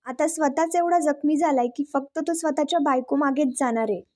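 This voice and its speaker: A man's voice: very high voice, a little fast, darkish tone. Woman reading as a gloating drunk old villain. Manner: boastful, mocking.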